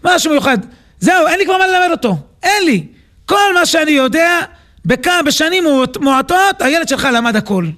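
A man's voice: extremely high pitch, lively intonation, pushed and bright, pitched above the performer's own voice, exaggerated voice. A man voicing a strict royal tutor who speaks firmly and commands. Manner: firm, commanding.

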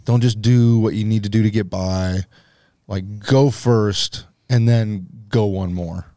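Guy hosting a chill podcast chat, kinda low voice, dry close mic. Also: slow pace, no echo. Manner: relaxed, joking, thinks aloud with fillers. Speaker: podcast host. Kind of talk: casual chat.

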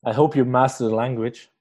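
A Swiss podcast host, not a native English speaker, conducts an interview as casual chat, full of fillers, restarts and frequent laughter. His voice is medium-pitched with a darkish tone and a breathy edge.

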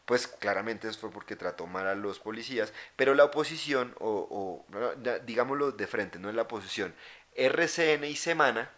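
A young man co-hosting a podcast, telling stories in crude, animated slang. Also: lowish voice, normal speed. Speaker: podcast co-host. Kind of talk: casual chat.

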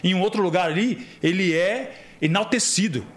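A man's voice: sits high, normal speed. A middle-aged man from Brazil, a podcast guest in casual conversation, telling stories and acting out the voices of the people in them. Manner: animated storyteller, acts out quoted dialogue.

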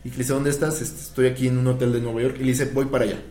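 A man's voice: mid-range voice, racing. Chatty man telling stories. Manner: animated retelling, acts out quoted dialogue. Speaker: guest telling film history. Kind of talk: casual podcast storytelling. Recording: echoey room, faint ambient noise.

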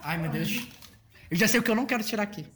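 A man's voice: sits high, lively intonation, rapid-fire, over music. A man co-hosting a podcast, playful and self-mocking, leading the group game. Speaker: podcast co-host. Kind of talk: casual podcast chat.

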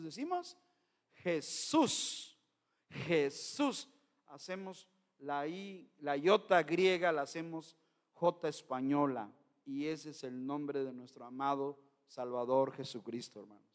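A middle-aged pastor delivers an emphatic Sunday sermon in a high-pitched voice. He keeps turning to the congregation as his brothers.

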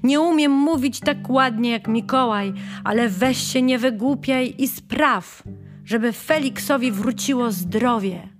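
A woman's voice: on the high side, measured pace, over music, voice pushed up, close to an everyday voice. A woman voicing a blunt, bossy female creature who speaks insistently in a children's audiobook. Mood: blunt pleading.

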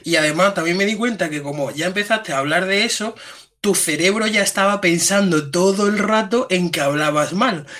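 A man with an Andalusian accent chats casually on a podcast. His voice sits a little high and rings bright. He jokes around and swears without care. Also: moderate pace. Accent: Andalusian Spanish. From Andalusia, Spain. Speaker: podcast co-host. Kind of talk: casual chat.

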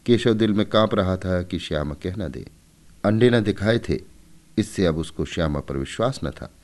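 A man narrating a story in an expressive, measured storybook reading. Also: deep voice.

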